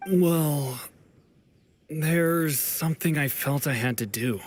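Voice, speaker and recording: An actor playing a nervous, polite, apologetic fugitive in a video game, humble and hesitant. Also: male voice, on the high side, slow, faint music behind. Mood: grateful, uncertain.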